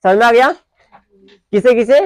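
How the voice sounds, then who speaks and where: In clean studio sound with no room echo, a male grammar teacher with a very high voice gives a classroom lesson mixing Hindi and English. He keeps asking questions and answering them himself, dictating definitions slowly word by word.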